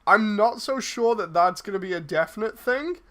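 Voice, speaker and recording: With a high, bright, pushed voice and lively intonation, a man talks at normal speed while replying to messages on his livestream. He's the streamer and project lead casting voice roles; his chatter is rambling and hesitant, with thoughts frequently left hanging.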